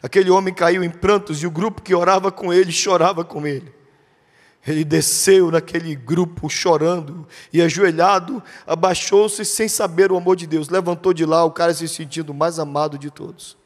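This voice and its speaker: Brazilian pastor guy preaching hard, kinda high voice, big church echo. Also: steady tone, normal speed. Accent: Brazilian Portuguese. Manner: impassioned, emphatic preaching that addresses the congregation directly. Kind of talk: sermon. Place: church sanctuary. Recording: long church hall reverb.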